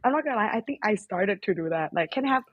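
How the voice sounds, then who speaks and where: Young Thai-accented woman, podcast co-host, slightly husky voice, easygoing chatter full of fillers. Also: medium pitch, expressive, quick pace, no room sound, dull audio. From Thailand. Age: young adult. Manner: chatty, laughs often, many "like" fillers. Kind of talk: casual chat.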